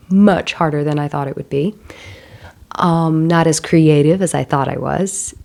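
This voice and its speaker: Nasal mom with a cold. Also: female voice, medium pitch, darkish tone. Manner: chatty, self-deprecating, rambling asides. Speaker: stay-at-home mom and homemaking vlogger. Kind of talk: casual chatty vlog. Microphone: handheld microphone.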